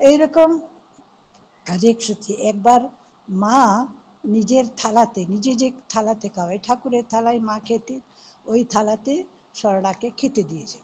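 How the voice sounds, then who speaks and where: Higher-voiced woman, monastic storyteller at a devotional talk, gentle and reminiscing, with a faint hiss underneath. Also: measured pace, pauses often, rough recording. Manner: gentle reminiscing, acts out quoted dialogue. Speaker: monastic speaker at a devotional gathering. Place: online satsang talk.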